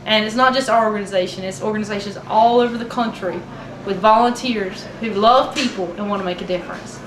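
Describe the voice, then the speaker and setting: A woman's voice: medium pitch, fairly quick, background noise. Earnest woman relief organizer, echoey and distant. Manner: earnest, heartfelt. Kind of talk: speaking to a family and a crowd.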